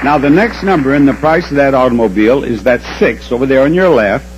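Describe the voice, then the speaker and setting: An older man hosting a game show before a studio audience, with a measured, teasing showman's delivery. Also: mid-range voice, lively intonation, lo-fi sound, slight background noise. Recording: loud studio crowd and music behind. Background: loud audience and music.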